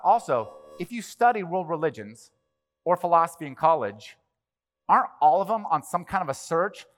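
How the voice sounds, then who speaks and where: A man's voice: a little high, fairly bright tone. Man preaching a sermon in an echoing hall. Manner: conversational, checks in with the congregation. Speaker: pastor. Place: church sanctuary. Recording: long reverb of a large hall.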